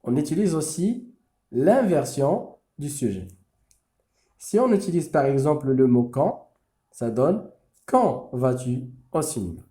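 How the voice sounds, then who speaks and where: A man with Arabic as his first language, teaching a French grammar lesson slowly and deliberately. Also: a little high, very animated, mellow. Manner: slow, deliberate explaining with drawn-out examples.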